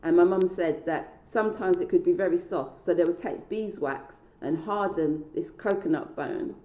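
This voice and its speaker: Low, very mellow British woman in echoey space. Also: moderate pace. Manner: conversational, playfully questioning herself. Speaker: knitter and textile researcher giving a talk. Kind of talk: self-filmed talk staged as a conversation with herself. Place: indoor staircase at home. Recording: dull, echoey stairwell sound.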